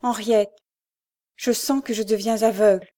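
A woman voicing a gentle young woman who is hiding her failing sight, speaking softly and pleadingly. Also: medium pitch, steady tone, unhurried, natural voice.

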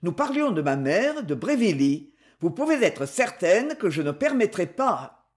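Woman doing a shy sweet young girl, raised light voice, soft and earnest. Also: lowish voice, big pitch swings, measured pace. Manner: soft, earnest, a little shaky. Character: timid, gentle young woman, orphaned. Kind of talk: audiobook reading.

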